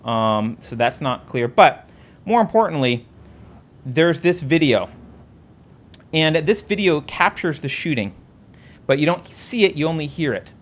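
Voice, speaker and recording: A man's voice: a little high, sing-song, measured pace, long pauses. A man hosting a political talk show, talking casually as he walks through video footage and points things out on screen. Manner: conversational, pointing things out on screen, frequent restarts.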